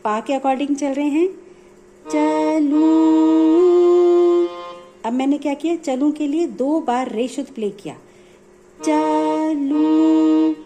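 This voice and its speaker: A woman's voice: sits high, moderate pace. A woman music teacher explaining notes step by step in a patient, repetitive way. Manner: patient, explanatory, repeats points.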